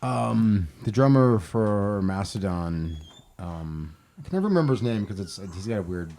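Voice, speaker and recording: A man from a band chatting casually, pausing often with ums as he searches for names. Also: fairly low pitch, lively intonation, dark tone. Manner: hesitant, lots of ums. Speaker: band member guest. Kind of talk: casual chat.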